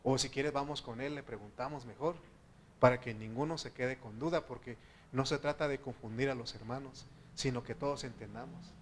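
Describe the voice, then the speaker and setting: A man's voice: medium pitch, moderate pace, slight background noise. A man with a Mexican Spanish accent, a pastor giving a conversational sermon with anecdotes and then praying fervently. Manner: conversational preaching with anecdotes, rising to fervent prayer. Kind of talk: sermon with closing prayer.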